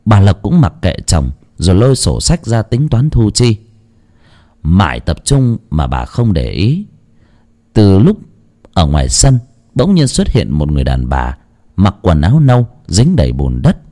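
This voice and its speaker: Brief: male horror narrator, low, mellow voice with very lively pitch. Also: a little slow. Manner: dramatic, expressive storytelling. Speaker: storyteller.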